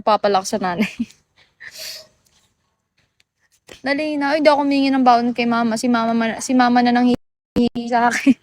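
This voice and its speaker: A woman from the Philippines chats casually with viewers on a phone livestream, her voice sitting high. She teases, laughs often and slips easily between languages. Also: fairly even intonation, a little slow, pauses often, a little mellow, no echo. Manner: playful and teasing, laughs often, mixes in English. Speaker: livestream host.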